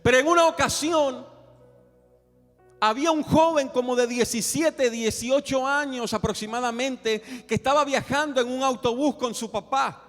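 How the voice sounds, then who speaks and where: Speaking at a moderate pace in an extremely high-pitched voice, a male pastor delivers a sermon full of animated stories and questions for the congregation. Faint music plays in the reverberant hall.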